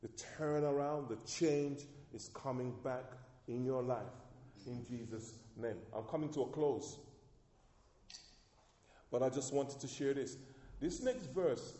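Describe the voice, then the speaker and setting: A man's voice: mid-range voice, a little slow, warm tone. A man pastor preaching a sermon, calling out to his congregation with rising emphasis. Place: church. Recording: echoey church hall.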